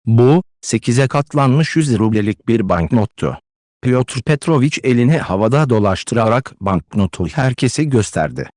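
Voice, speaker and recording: A man's voice: medium pitch, animated, normal speed, darkish tone, dry recording, studio quality. Man narrating a classic novel. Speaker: audiobook narrator. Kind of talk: scripted literary narration.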